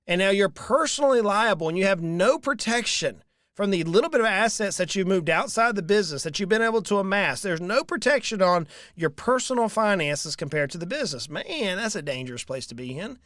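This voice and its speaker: A Southern US financial advisor in his thirties hosts a show, talking to camera alone from a small room with dark curtains about money advice. He speaks earnestly, animated and a little fast, leaning on repeated phrases for emphasis, his fairly high, bright voice close on a large studio mic. He wears headphones, and the recording is dry and dead.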